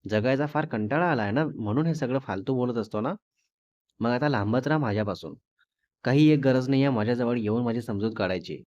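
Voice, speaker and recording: A man's voice: medium pitch, fairly quick, darkish tone, close to an everyday voice. A man voicing a fiery, teasing young wife, who scolds and bosses her husband. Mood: angry. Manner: scolding, bossy. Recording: dull dry lo-fi recording.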